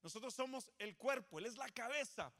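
A male pastor preaches to his congregation in a high, bright voice. He is animated and playful, coaxing the crowd into call-and-response and teasing them to stay awake. The sermon moves between encouragement and light jokes. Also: brisk. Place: church service before a congregation.

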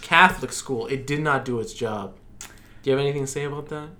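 A young man hosts a podcast in loose, casual chat, teasing his guest with playful questions. His voice sits at an ordinary middle pitch. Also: fast talker, pushed and bright. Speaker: podcast co-host.

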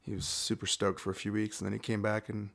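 A man's voice: on the low side, flat delivery, fast, vocal fry, a bit bright. A man hosting a casual conversation, chatty and digressive with frequent fillers.

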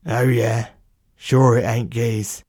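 A man's voice: mid-range voice, flat delivery, slow, darkish tone, no echo, studio quality, voice pushed down. A man voicing a cheeky, blunt working-class plumber, in a comic audio story. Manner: blunt, matey, slangy.

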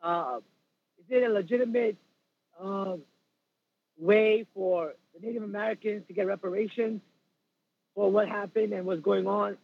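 A man from Queens rings in to a talk radio show, his voice sitting high for a man and coming through a muffled, dull phone line. he is polite and halting as he lays out his questions. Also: fairly even intonation, creaky, husky. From Queens, New York. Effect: over a phone line. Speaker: radio call-in caller.

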